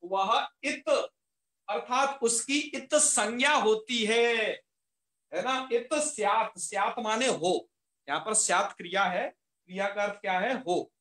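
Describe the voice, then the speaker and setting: Male teacher, high and bright, patient explainer who repeats terms and quizzes himself aloud, echoey room. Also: slow pace. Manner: patient, repeats key terms and asks rhetorical questions. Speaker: Sanskrit grammar teacher. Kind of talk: online class lecture.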